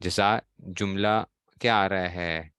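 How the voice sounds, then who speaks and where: Male classroom teacher, Pakistani Urdu accent, low voice, question-and-answer delivery. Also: steady tone, slow, a bit bright, clear, resonant tone, no echo. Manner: explains in a question-and-answer style, quizzing students. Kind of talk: classroom grammar lesson.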